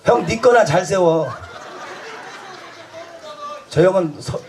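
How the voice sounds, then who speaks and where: Brief: high-pitched man, loud bawdy stage comic working the crowd, laughs through his lines. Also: lively intonation, takes it slowly. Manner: boisterous, bantering with the audience, crude jokes. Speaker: street comedy performer. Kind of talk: festival stage comedy show.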